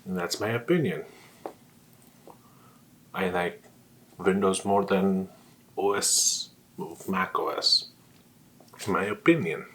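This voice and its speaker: A man's voice: low-pitched, steady tone, takes it slowly, long pauses, sharp tone. A man on a casual solo rant, talking while eating with his mouth sometimes full, often asking questions and answering them himself. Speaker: vlogger.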